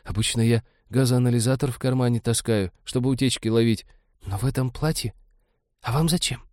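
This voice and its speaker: Male reader putting on a squeaky, timid little mechanic girl, high and breathy-thin, audiobook role. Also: unhurried, a little mellow, no room sound, studio quality. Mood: puzzled. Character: timid small young woman mechanic.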